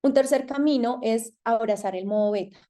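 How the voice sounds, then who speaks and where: A woman with a Colombian accent giving an online masterclass, thoughtful and hesitant, pausing often with fillers. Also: fairly high pitch, mellow. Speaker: masterclass lecturer. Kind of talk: online lecture.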